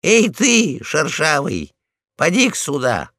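A man voicing a pompous, bossy male guard dog in a storybook reading, loud and commanding. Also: on the high side, very animated, slow pace, creaky, no echo, studio quality, voice pushed up, full character voice.

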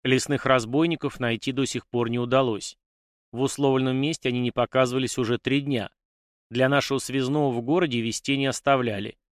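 A man's voice: medium pitch, steady tone, brisk, no room sound, studio quality, natural voice. A man playing a timid, deferential steward. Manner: formal, deferential reporting. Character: timid servile male steward.

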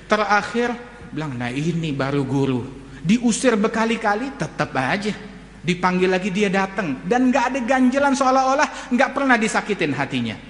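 A male preacher, telling stories in an animated sermon and acting out the characters. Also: high-pitched, normal speed. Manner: animated, acts out quoted characters. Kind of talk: sermon storytelling. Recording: echoey hall reverb.

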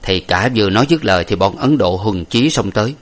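A man narrating an old adventure novel aloud in a steady, literary storytelling manner. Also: lowish voice, fast.

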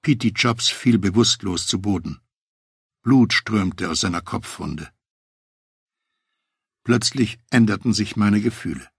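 A man narrating a memoir audiobook in a steady, matter-of-fact first-person voice on a close mic. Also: on the low side, slow pace, long pauses, husky, no echo.

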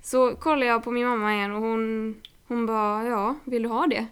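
A woman co-hosting a relaxed podcast, her voice sitting a little high. She tells anecdotes in loose conversational chat and swears freely along the way. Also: clear, resonant tone. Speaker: podcast co-host.

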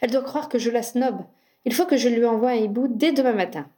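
A woman reading a lively young woman, a sports star, in an animated, teasing way for an audiobook. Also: medium pitch, a little fast, close to an everyday voice.

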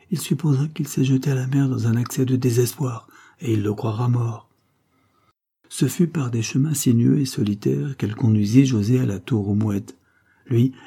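A man narrating a classic novel aloud in a measured, dramatic reading. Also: mid-range voice, vocal fry, warm tone, husky. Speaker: audiobook narrator.

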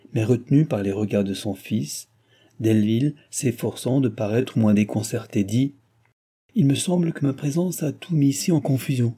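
A man narrating a classic novel in a measured, even reading. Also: fairly low pitch, husky. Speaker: audiobook narrator.

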